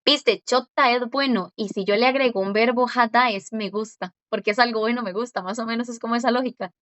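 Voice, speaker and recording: During a one-on-one lesson, a female Korean tutor speaks in a fairly high, slightly bright voice. Patiently, she explains things step by step and says words again slowly. The recording sounds dull and dry, without echo.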